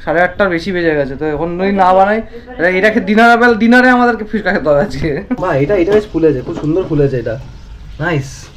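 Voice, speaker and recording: A man's voice: high voice, brisk. A man hosting a casual vlog, chatting through his day in running commentary. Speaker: vlog host. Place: home and out on errands.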